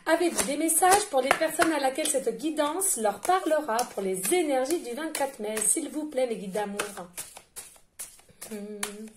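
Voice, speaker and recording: A woman giving a casual tarot card reading in a loud, carrying voice, chatty, laughing often and filling pauses with hesitations. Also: high voice, lively intonation, noisy background. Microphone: no microphone, picked up by the device directly.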